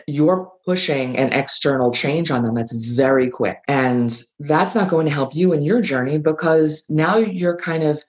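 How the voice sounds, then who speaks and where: A middle-aged woman hosting a talk show, chatting casually about change and acting out what family members say in quick little voices. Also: extremely low pitch. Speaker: podcast host. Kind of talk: casual advice monologue.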